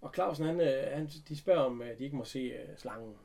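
A man chatting casually, retelling an episode with animated bits of acted dialogue. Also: mid-range voice, gravelly. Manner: animated retelling, acting out characters' lines. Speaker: recapping a TV episode. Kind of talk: casual chat.

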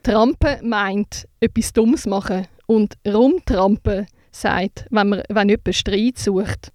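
A woman's voice: mid-range voice, takes it slowly, darkish tone, dry recording, clean studio sound. A young woman presenting a scripted youth radio segment in an upbeat, read-aloud way.

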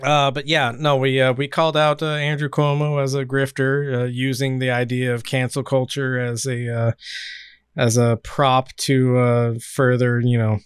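A man's voice: mid-range voice, level tone, moderate pace, smooth, dry recording, studio quality. A man from California hosting a casual political podcast, sardonic and rambling, with many fillers. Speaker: podcast host.

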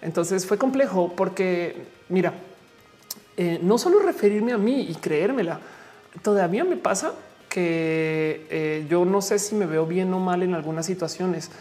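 A woman's voice: fairly low pitch, unhurried, warm tone, soft background music. A woman in her forties with a Mexican accent, casually chatting and reading viewer comments aloud, laughing often. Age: 40s. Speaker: streamer answering chat. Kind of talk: casual live chat.

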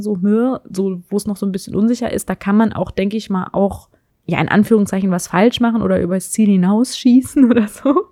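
In a clean, dry studio recording, a young woman with a medium-pitched, darkish voice reflects casually on relationships. Her monologue is thoughtful but hesitant, with frequent fillers, pauses and restarts as she works through her thoughts.

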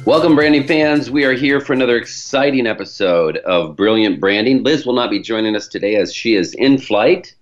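A low-voiced man with a Michigan, Great Lakes accent hosts a branding show. He explains things conversationally and speaks straight to his listeners. The sound is a little dull and lo-fi. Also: lively intonation, fairly quick, hardly any pauses, faint music behind. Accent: Michigan, Great Lakes American. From Michigan, United States. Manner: chatty, explanatory, addresses listeners directly. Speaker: podcast host, branding professional.

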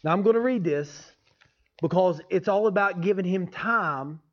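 High-voiced man preaching. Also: normal speed. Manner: folksy, joking, checks in with listeners. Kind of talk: informal teaching sermon. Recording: dull, lo-fi sound.

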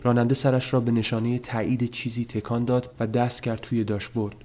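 A man narrating a story as an audiobook, in a measured, subdued telling. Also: medium pitch, level tone, darkish tone, faint music behind.

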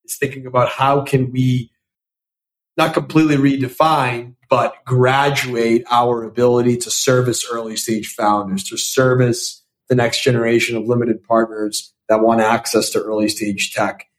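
Heard in a rough recording, a young Italian-speaking venture capital investor answers podcast interview questions thoughtfully. His mid-range voice is level and moves at a normal speed, and he often restarts with repeated words at the beginnings of sentences.

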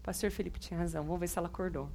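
A woman's voice: lowish voice, fairly even intonation, racing, creaky, dark tone, a little hiss or hum. A woman storyteller leading a playful puppet act at a church, teasing and chatty.

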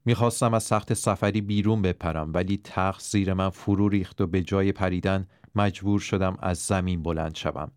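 Low-voiced man narrating a story. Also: clear, resonant tone, no echo, clean studio sound. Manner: measured, steady reading. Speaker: audiobook narrator. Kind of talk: scripted first-person story narration.

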